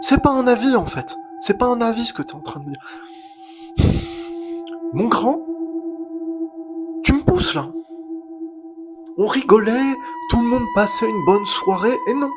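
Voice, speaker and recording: A man's voice: high-pitched, animated, unhurried, pauses often, music in the background. A man arguing heatedly in a comedy sketch, pushy and exasperated.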